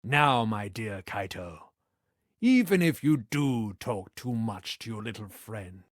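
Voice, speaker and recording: Condescending game character, slow talker, lively pitch, really dry sound. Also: male voice, no room sound, full character voice. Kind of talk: video game character acting.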